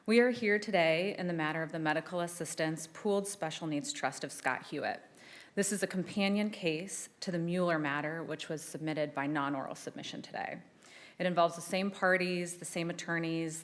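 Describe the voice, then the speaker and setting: A woman with a low voice makes a formal oral argument before appeals judges. She speaks in a measured way and restarts a phrase now and then when she answers questions. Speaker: assistant attorney general arguing an appeal. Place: courtroom.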